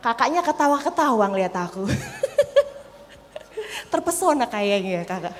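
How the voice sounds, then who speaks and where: Young east javanese woman coaching public speaking, higher voice, laughs a lot, long hall reverb. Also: sing-song, measured pace. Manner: playful, laughs often, demonstrates voice techniques. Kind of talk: lively workshop talk. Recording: reverberant hall, faint noise.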